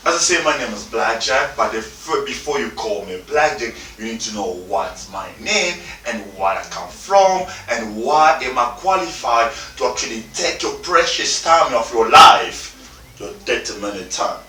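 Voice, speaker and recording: A man's voice: medium pitch, expressive, measured pace, bright, forceful tone, a little hiss or hum. A man, giving an emphatic motivational talk with informal, repetitive phrasing. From Democratic Republic of the Congo. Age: 30s. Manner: emphatic, repeats himself, informal non-native English phrasing. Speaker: motivational speaker. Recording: echoey room, mic at a distance, faint music.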